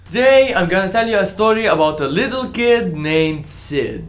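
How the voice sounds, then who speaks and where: A man's voice: sits high, expressive, moderate pace. A man giving a scripted tech explainer vlog from a home balcony, with dry sarcastic humor and punchy emphasis. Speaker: tech vlogger.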